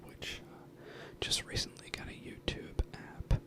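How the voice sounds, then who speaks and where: Man whispering an ASMR ramble close-up. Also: a little slow. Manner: whispering close to the ear throughout. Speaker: ASMR video creator. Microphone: close binaural mic, ear to ear.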